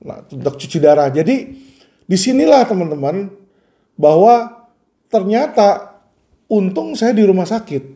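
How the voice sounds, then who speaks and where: A man speaks casually and earnestly to his viewers as a lawyer. His voice sits high yet sounds mellow. He keeps pressing his points with emphasis. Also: big pitch swings, a little slow, pauses often.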